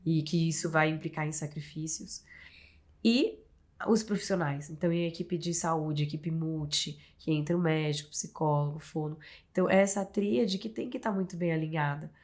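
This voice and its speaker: A woman, a health professional guest in an interview, explaining in a measured way and listing her points one by one. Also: low voice, a little mellow.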